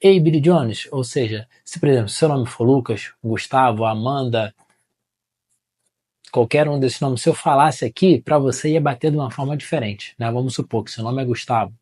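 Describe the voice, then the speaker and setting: A man with a Brazilian accent teaching marketing in a relaxed, chatty way. His voice sits at an ordinary middle pitch for a man. He keeps checking in with the listener through quick tag questions. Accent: Brazilian Portuguese. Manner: conversational, often ends phrases with tag questions. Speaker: marketing educator. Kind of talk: casual explanatory talk to camera.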